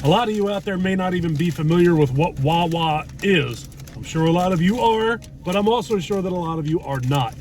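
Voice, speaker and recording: A man's voice: sits high, animated, brisk, hardly any pauses, darkish tone. A middle-aged man chatting casually and bluntly as a food vlog host, rambling and cursing a little. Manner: blunt, mildly profane, rambling. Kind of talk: casual chat. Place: inside a parked car in a driveway. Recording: noisy car interior with road hum.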